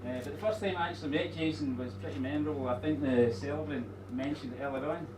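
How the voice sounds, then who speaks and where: A middle-aged man with a slightly high voice gives an informal wedding toast in an echoey room. He rambles along with pauses and dry, teasing asides. The microphone is some way off. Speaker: father of the bride giving a wedding speech. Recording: echoey room, distant mic, noisy background.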